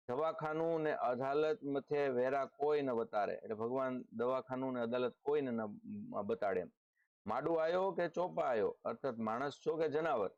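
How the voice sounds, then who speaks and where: A man's voice: mid-range voice, a little mellow, dry recording, dull audio. A man from Gujarat teaching a lesson on regional dialects, explaining them and reading out example phrases with added emphasis. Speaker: exam coaching teacher.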